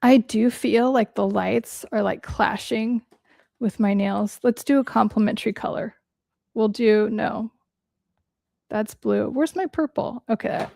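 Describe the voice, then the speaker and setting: Here a young adult woman plays therapist on a casual livestream, swearing and speaking bluntly as she takes viewer questions, her voice cracking a bit from hours of talk. It's slightly high, creaky and a touch mellow, recorded clean with no room sound.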